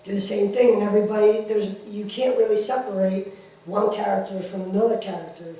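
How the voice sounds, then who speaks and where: Plugging a wrestling show, this independent wrestling worker rambles informally in an interview, leaning on filler phrases and saying "you know" again and again. He speaks a little fast in a high, steady, warm voice, picked up by a distant mic in a very echoey room.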